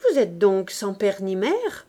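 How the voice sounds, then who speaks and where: A woman voicing a cheeky, brash street boy in a storybook reading, talking loudly and jauntily in a raised voice. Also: animated, unhurried. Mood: cocky. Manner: loud, jaunty, raised pitch.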